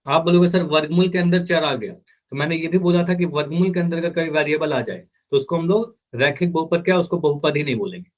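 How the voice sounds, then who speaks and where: A man teaching a live math class, his voice sitting a little high for a man. He keeps repeating each question and then speaks the students' expected answers himself. The manner is patient and drilling. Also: fast.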